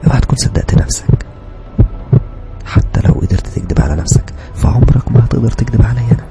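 A man's voice: medium pitch, expressive, fast talker, gravelly, voice pushed up. A man with an Egyptian accent voicing the stern, taunting inner voice of a frightened narrator in a horror story, half-whispered. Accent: Egyptian Arabic.

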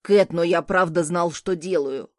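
A woman reading an audiobook, voicing an excitable, cheeky teenage boy in eager, indignant outbursts. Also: lowish voice, measured pace, no room sound, studio quality, close to an everyday voice.

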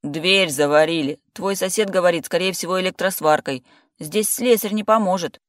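A man's voice: high voice, normal speed, dry recording, clean studio sound, voice pushed up, close to an everyday voice. A reader doing a teasing, easygoing male friend. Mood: matter-of-fact. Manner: teasing, matter-of-fact. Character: joking, calm male friend of the heroine. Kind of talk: audiobook character voice.

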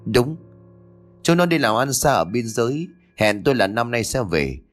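A man voicing an older father who protests in agitated, questioning outbursts, his pitch jumping high. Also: sing-song, moderate pace, lightly acted. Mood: defensive. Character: grieving older father, bewildered and defensive.

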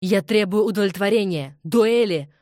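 A woman voicing an enraged, protective young nobleman who shouts his contempt in a loud, forceful voice in an audiobook. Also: fairly low pitch, brisk, no echo, clean studio sound, natural voice. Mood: furious. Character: furious young nobleman, protective older brother.

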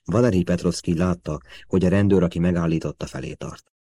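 A man narrating a spy thriller audiobook in a steady, measured reading. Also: deep voice, no echo, studio quality. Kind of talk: scripted narration.

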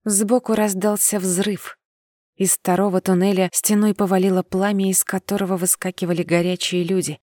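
A woman narrates a first-person novel in a measured, steady voice, at a middle pitch for a woman. The recording is close and dry, with no room sound around it. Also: no echo. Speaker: audiobook narrator.

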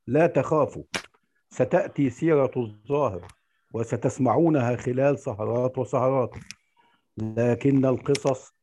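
A man reading in the measured, formal style of a storyteller narrating a classical Arabic tale. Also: medium pitch, dark tone, a little hiss or hum. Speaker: actor reading the storyteller part at a play reading.

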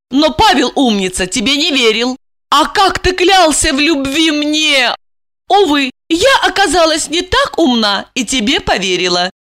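A woman voicing a frightened, accusing young wife with a shrill, tearful manner. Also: a bit bright, dry recording, clean studio sound, heavily acted.

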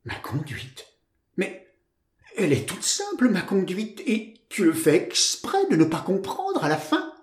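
Storybook role: man doing a weepy, wide-eyed young woman, high and pleading. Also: huge pitch swings, a little slow, reverberant, full character voice. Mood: excited. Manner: pleading, rising high exclamations. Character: tearful, naive young woman, wounded friend.

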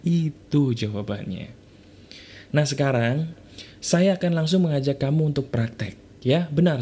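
Mellow-voiced man coaching listeners. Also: a little high, husky. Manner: addresses the listener directly, asks for agreement, slows to deliberate coaching. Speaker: motivational podcast host. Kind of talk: motivational talk and guided self-healing exercise.

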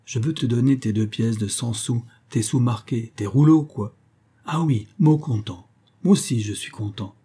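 A man's voice: medium pitch, normal speed, mellow, slightly rough. A man playing a jaunty, chatty Parisian castaway who jokes in colloquial speech, in an audiobook.

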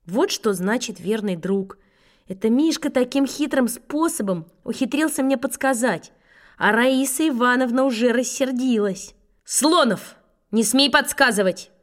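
A woman reading a children's story aloud in first person, lively and expressive. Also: on the high side, moderate pace. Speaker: audiobook reader.

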